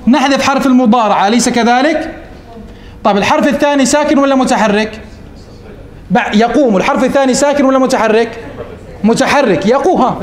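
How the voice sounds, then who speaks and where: High-voiced, fast man teaching grammar. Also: roomy sound. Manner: questions students and answers himself, repeats rules. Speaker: teacher of Arabic morphology. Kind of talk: classroom lesson.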